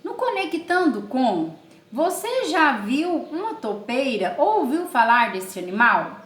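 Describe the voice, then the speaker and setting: A woman teacher talking slowly and with a lot of expression, asking her class questions and then answering them herself. Her voice rises and falls a great deal, and she keeps checking in with tag questions. The recording has the echo of a bare room. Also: high-pitched, big pitch swings, a bit bright. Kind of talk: online class reading a story aloud.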